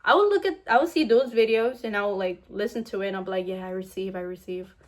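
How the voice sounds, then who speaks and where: A young woman with a slightly high voice speaks straight to camera in a casual storytime vlog. She tells her story animatedly, acting out other people's lines and filling her sentences with "like.". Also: fast talker. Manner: animated retelling that acts out what others said, heavy use of "like". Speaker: vlogger.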